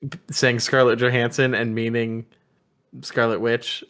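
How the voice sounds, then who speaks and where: A man's voice: mid-range voice, little pitch movement, a little slow, a bit bright, clear, resonant tone. A man co-hosting a casual gaming podcast, reading viewer comments aloud in an easygoing way. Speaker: podcast co-host.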